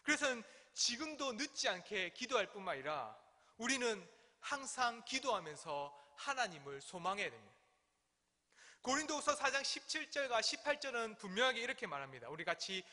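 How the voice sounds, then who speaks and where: A male pastor preaching a sermon at a midweek prayer service, animated, with sudden drops to a hush. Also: high-pitched, normal speed. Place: church sanctuary. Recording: long church hall reverb.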